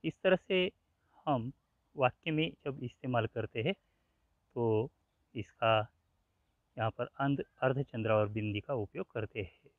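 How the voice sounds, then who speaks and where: A man teaching a grammar lesson, explaining slowly and repeating each example word, spelling it out letter by letter. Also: medium pitch, no room sound. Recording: tinny phone-like sound, dry.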